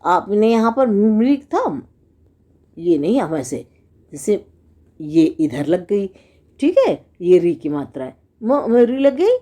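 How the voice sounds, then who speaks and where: A woman's voice: medium pitch, sing-song, slow pace, mellow. A woman teacher with a Hindi accent explaining a lesson to children, asking questions and answering them herself as she sounds out syllables. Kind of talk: slow classroom explanation for children.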